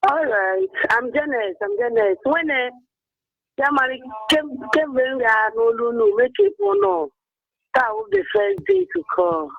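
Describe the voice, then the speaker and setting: A woman with a Nigerian accent chatting haltingly as a caller on a muffled phone line. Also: high-pitched, very animated, vocal fry. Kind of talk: halting casual phone-in chat.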